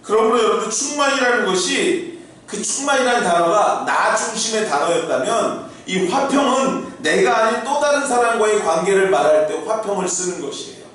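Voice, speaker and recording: A middle-aged male pastor delivers an earnest, conversational sermon and asks his congregation questions. His voice sits high for a man. It is picked up from a distance in a very reverberant church hall. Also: animated, moderate pace, a bit bright. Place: church sanctuary. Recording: very echoey hall, heard from far off.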